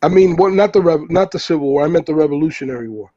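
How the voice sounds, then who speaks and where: A man's voice: fairly high pitch, fast, dark tone, muffled recording. A man from the US Northeast, the host, talking loosely in casual chat, full of fillers and restarts. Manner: rambling, many fillers and restarts.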